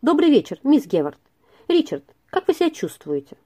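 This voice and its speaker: A woman reading aloud and voicing a calm, kindly male vicar. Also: high-pitched, normal speed, voice pushed up.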